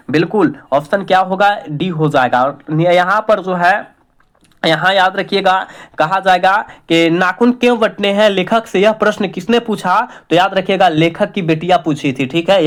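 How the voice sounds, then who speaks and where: A man with a Bihari accent leads an exam revision lesson in a high-sitting voice. Like a teacher, he repeats each question and coaxes his students along.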